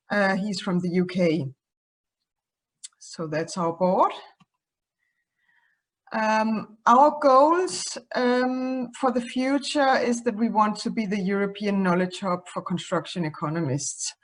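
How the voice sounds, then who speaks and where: A woman from Denmark, a non-native English speaker, giving a conference presentation as an association president, pausing often with ums. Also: mid-range voice. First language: Danish. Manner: hesitant, many ums.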